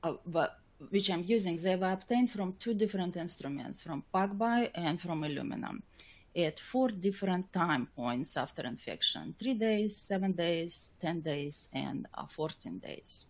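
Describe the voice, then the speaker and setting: Giving a webinar lecture from technical slides, a woman scientist speaks low but with lively intonation. Her delivery stumbles and hesitates along the way.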